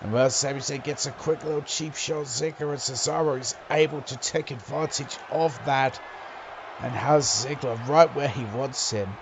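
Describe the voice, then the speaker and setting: Creaky-voiced male wrestling commentator, excitable. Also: mid-range voice, noisy background. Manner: exclamatory, with drawn-out calls at big moves.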